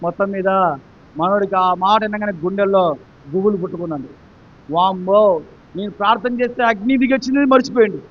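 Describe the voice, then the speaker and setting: A man preaching in Telugu with a Telugu accent and a very high, piercing voice. He tells the story dramatically, sometimes soft and low, sometimes loud and urgent. The recording sounds dull and lo-fi. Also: a little fast, pauses often. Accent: Telugu, Andhra Pradesh. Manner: dramatic storytelling preacher, acts out the characters, swings between quiet and loud. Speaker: pastor. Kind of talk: Telugu sermon.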